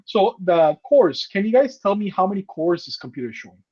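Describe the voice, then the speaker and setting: Over muffled video call audio, a man teaches a live online computer class in a high-pitched, sing-song voice with a darkish tone and a brisk pace. Step by step, he checks in with "okay?" and "right?" while talking into a laptop or headset mic.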